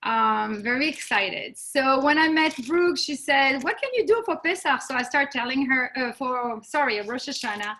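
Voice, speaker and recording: Bright-voiced middle-aged woman from Morocco. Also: high-pitched, lively intonation, a little hiss or hum. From Morocco and France. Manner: unhurried, with frequent fillers and pauses. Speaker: home baker teaching a cooking demo. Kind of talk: casual online cooking demo. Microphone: video call.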